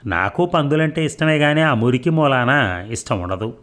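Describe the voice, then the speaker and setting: Man reading a chatty, teasing young woman, her voice raised high, for an audiobook. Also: lively intonation, normal speed, a bit bright. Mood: playful.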